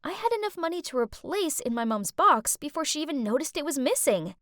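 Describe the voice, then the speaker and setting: A woman narrating an animated story in first person as a scheming teenage schoolgirl, in an expressive, animated storytelling manner. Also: sits high, a little fast, dry recording, studio quality.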